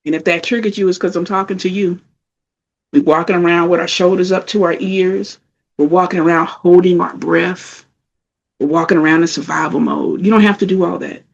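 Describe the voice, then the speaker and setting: A woman's voice: lowish voice, fairly even intonation, brisk, creaky, lo-fi sound. A middle-aged woman giving a motivational self-care talk, emphatic and conversational, repeating her points. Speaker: spiritual talk speaker.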